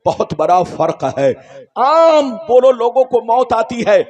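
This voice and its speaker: High-voiced male preacher declaiming. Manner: declamatory, repetitive, crowd-rousing, bursts into shouts and chant. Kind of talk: Urdu religious sermon.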